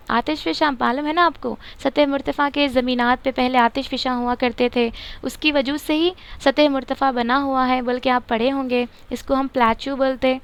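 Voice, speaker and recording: A woman's voice: sits high, a bit bright, smooth. A woman teaches current affairs for exam prep. She goes through the questions patiently, says each key answer twice and slips English terms in among her explanations.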